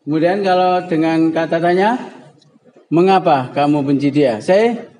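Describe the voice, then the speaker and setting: Male teacher, slightly high voice, unhurried drilling of example sentences. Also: dark tone, low-quality recording. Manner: slow, drawn-out example sentences with prompting calls. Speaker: English teacher. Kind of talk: classroom grammar lesson.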